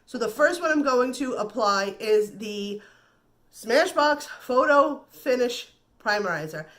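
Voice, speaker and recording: Still recovering from the flu, this female beauty vlogger sounds slightly nasal as she guides viewers through makeup in a chatty, reassuring manner, repeating words. Her voice is a little high and a bit bright, slow-paced with lively intonation.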